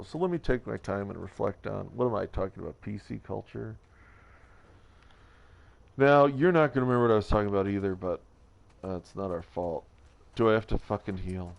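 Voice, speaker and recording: A man's voice: fairly low pitch, gravelly, dull audio. A man streaming a video game, rambling and joking about whatever comes to mind with self-mocking asides. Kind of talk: casual let's-play commentary.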